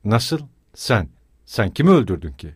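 A man voicing an agitated, sharp middle-aged magistrate who barks and interrogates brusquely. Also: on the low side, big pitch swings, normal speed, breathy edge, no room sound, studio quality, full character voice. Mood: sharp questioning.

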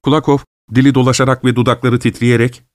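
A man narrating a short story in a measured, even storytelling manner. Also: mid-range voice, dry recording, clean studio sound.

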